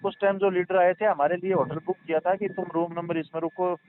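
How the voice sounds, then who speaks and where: A faintly noisy, tinny phone call carries a man's high voice, a little fast and fairly even in intonation. Casual and earnest, he explains and offers reassurance, rambling and repeating himself.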